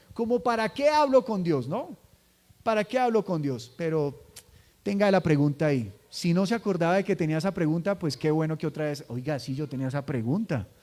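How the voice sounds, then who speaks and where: A high-pitched man delivering a sermon in a chatty, everyday way. He slips into quoted voices to act out little scenes and keeps checking in with the listeners through quick tag questions. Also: darkish tone. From Colombia. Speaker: pastor.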